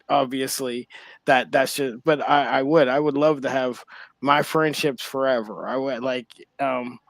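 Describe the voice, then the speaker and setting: A man co-hosting a podcast in casual chat, rambling and halting with many restarts and fillers. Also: mid-range voice, no room sound. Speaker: podcast co-host.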